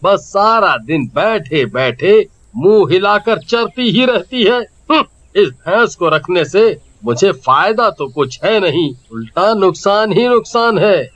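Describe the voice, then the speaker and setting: A man's voice: high-pitched, animated, fairly bright tone, full character voice. A man voicing a greedy, scheming old village merchant in a cartoon story, humming and grumbling with scorn. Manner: grumbling, drawn-out hums, scornful.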